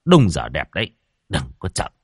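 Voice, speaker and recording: A crusty old village sorcerer, as a male storyteller puts him on, barking orders and scolding the crowd. His husky voice swings widely in pitch. The sound is close and dry, like a spoken ghost story. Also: wildly swooping pitch, normal speed, no echo, exaggerated voice. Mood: sly instructing. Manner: scolding, commanding.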